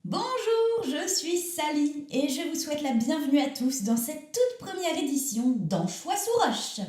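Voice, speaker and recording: An earnest young radio interviewer, played by a woman in a comic radio sketch. She asks her questions in a mock-formal, teasing manner. Her tone is mellow and the recording is roomy. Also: high voice, big pitch swings, unhurried, soft background music.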